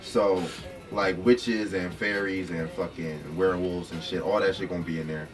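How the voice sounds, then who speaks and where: Man, young adult, very low voice, slangy and profane, distant mic, music playing. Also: fairly even intonation, normal speed. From Reading, Pennsylvania. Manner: loose, slangy, profane, rambling. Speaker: guest, show creator. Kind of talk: casual chat.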